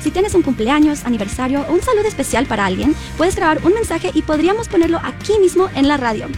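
A woman's voice: high voice, animated, fast talker. A woman announcer reading an upbeat, inviting station promo. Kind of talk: upbeat radio promo read. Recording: radio promo over music bed.

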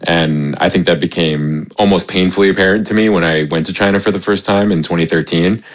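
A man, a chef, answering interview questions in a relaxed, reflective way. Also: low-pitched, a little fast. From United States. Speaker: guest, chef.

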